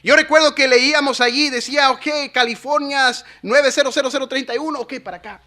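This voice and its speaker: A male pastor, preaching to a youth conference. He tells a lively story and builds to fervent shouting. His voice sits high and rings with a sharp, very bright edge. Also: fairly quick. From Los Angeles, USA.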